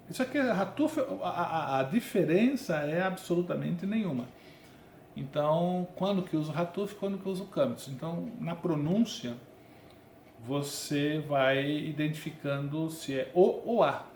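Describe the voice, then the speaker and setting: A man with a Brazilian Portuguese accent gives a recorded Hebrew grammar lesson, his voice set a little higher than most men's. He explains in a relaxed, chatty way, often checking in with the listener. The room sounds echoey, and a faint ambient hum sits beneath him. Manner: explanatory, conversational, frequent "né?" and "tá?" checks. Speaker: Biblical Hebrew teacher.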